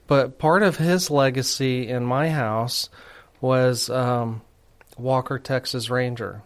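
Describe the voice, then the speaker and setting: A middle-aged man hosts a radio talk show with a smooth, clear voice. He chats in a relaxed way and gently draws out his guest with questions. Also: mid-range voice, takes it slowly. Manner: easygoing, reminiscing, prompting the guest. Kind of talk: relaxed radio interview chat.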